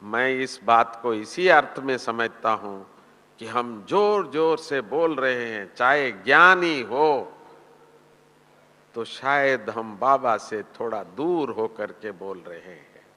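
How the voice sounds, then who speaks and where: A man giving a spiritual discourse to a gathering, in a gentle, measured preaching manner. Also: mid-range voice. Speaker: spiritual teacher. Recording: long reverb of a hall.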